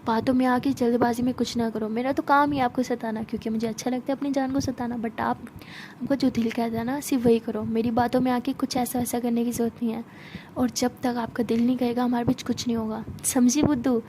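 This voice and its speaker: A woman's voice: a little high, flat delivery, brisk, warm tone, a little hiss or hum, close to an everyday voice. A woman voicing a confident young woman who playfully mocks and teases her partner. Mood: tender. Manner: playful, mocking, teasing.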